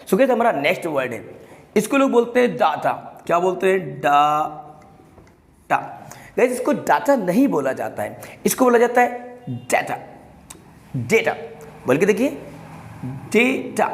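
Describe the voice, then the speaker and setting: A high-pitched man with a lively, swinging voice leads a pronunciation lesson, stretching each word out slowly and calling on his viewers to repeat after him. He sounds like he is in a roomy space with a long echo. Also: gravelly. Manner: addresses viewers as guys, coaxing them to repeat. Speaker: English pronunciation teacher. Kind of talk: classroom-style pronunciation lesson. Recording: echoey room with long reverb.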